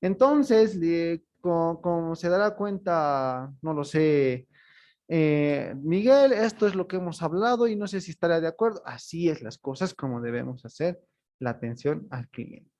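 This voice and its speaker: A man's voice: on the high side, animated, a little slow, darkish tone. A male teacher giving a class on customer service, explaining step by step and ending his phrases with tag questions. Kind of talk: online class lecture.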